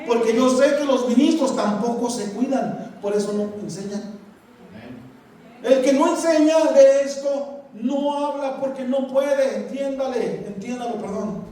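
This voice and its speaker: A man's voice: extremely high pitch, unhurried, warm tone. A man preaching a sermon as pastor, in a colloquial, joking way that speaks straight to the congregation. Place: large echoey church. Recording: echoey hall, distant mic, faint noise.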